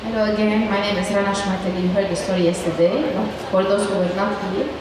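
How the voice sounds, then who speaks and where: A woman's voice: medium pitch, fairly even intonation, quick pace. A woman from Lebanon, an engineer and entrepreneur, speaking briefly and plainly on a panel. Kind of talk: panel answers. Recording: echoey hall, mic far, noisy.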